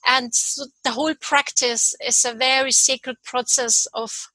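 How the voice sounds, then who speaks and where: A woman from Kazakhstan, a podcast guest telling her personal story in a reflective way, pausing often with small hesitations. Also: high-pitched, fairly even intonation, sharp tone, no echo, rough recording.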